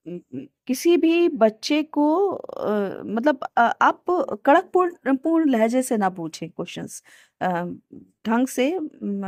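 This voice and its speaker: A woman's voice: a little high, a little mellow, no room sound, clean studio sound. A woman teacher educator with an Indian Hindi accent, explaining teaching skills in a casual spoken lesson, with many fillers and English terms mixed in.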